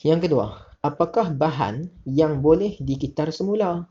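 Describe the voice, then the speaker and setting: A male teacher gives a recorded lesson, reading each question slowly and deliberately before relaxed asides to the pupils. His voice is mellow and a little husky. The recording sounds dull and lo-fi. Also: a little high.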